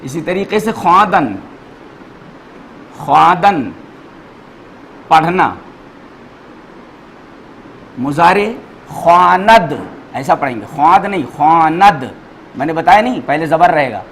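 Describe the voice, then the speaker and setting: A man teaching a grammar class, repeating each word slowly and spelling out letters and vowel marks for his students. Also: a little high, animated, fairly bright tone, slight background noise, poor audio.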